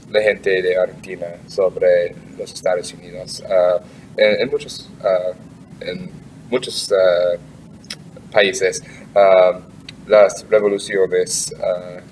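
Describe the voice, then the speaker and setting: A man interviewing in a very halting way, filling every gap with "ah" as he searches for words. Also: sits low, a little mellow. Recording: distant mic with faint background noise.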